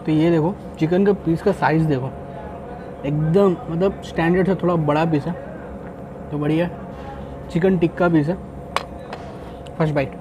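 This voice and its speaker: A man's voice: on the high side, steady tone, normal speed, pauses often, noisy background. A young man vlogging a casual food review, chatting as he tastes dishes at an outdoor rooftop restaurant. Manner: chatty, tastes and comments between bites.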